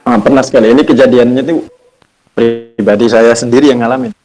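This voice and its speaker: A man's voice: medium pitch, steady tone, brisk, warm tone, faint music behind, poor audio. A young man, a guest on a podcast, telling a personal story in an earnest, reflective way and often quoting himself. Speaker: podcast guest, Islamic teacher. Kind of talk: casual storytelling in conversation.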